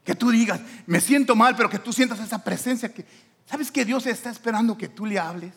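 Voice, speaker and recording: A man's voice: high voice, a little fast, vocal fry, slightly rough. A man preaching as pastor, emphatic, with his voice swinging up and down. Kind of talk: sermon.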